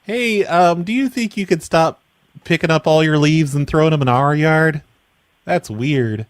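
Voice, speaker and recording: A man speaking casually as a prank caller and podcast host, with a mock-earnest, deadpan delivery. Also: a little high, measured pace, no echo.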